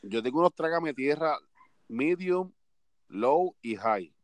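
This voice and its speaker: A man's voice: on the high side, slow pace, no echo. A man, co-hosting a casual chat and telling embarrassing stories with a laugh. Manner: animated storyteller, laughing through his stories.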